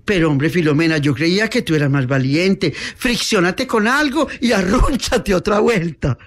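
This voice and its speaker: A man voicing a relaxed young man who speaks in a casual, drawn-out way. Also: high-pitched, heavily acted. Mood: easygoing. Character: young man from the capital, easygoing.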